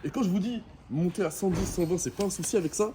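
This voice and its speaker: A man's voice: high-pitched, quick pace, a crowd in the background. A young man chats casually to camera in street slang, reviewing like a vlogger. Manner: French suburban street slang. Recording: noticeable ambient background noise.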